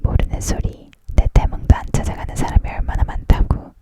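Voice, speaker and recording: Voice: fairly quick, close to an everyday voice. A reader voicing a teasing, blunt female dream maker in a whispered role-play of a storybook, needling and scolding. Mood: rebutting. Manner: needling, contradicting.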